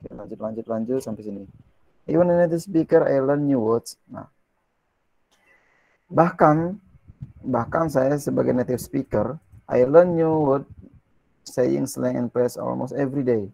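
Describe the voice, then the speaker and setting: A man teaching a casual language lesson. He reads English lines slowly, explains them in quick, chatty Indonesian, and asks his listeners rhetorical questions. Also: medium pitch, gravelly, mellow, no echo, poor audio.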